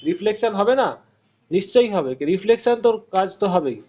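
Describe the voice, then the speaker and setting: Male physics teacher, high voice, online class, step-by-step explaining, quizzes students, dull lo-fi call audio. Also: lively intonation, brisk, a little mellow.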